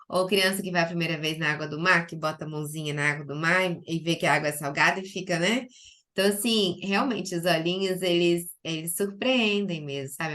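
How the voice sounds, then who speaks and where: A middle-aged Brazilian woman talks to her live chat as a doctor. She has a somewhat low voice and a loose, chatty way of speaking. She keeps asking "né?" and calls things by fond little names. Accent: Brazilian Portuguese. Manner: chatty and lively, with many diminutives and filler "né". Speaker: doctor giving a live stream on essential oils. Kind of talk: casual live-stream talk to a chat.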